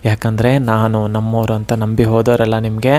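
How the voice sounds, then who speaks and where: A man's voice: lowish voice, completely flat delivery, fairly quick, warm tone. Earnest devotional speaker, man. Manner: earnest, emotional, repeats phrases for emphasis. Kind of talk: devotional motivational talk.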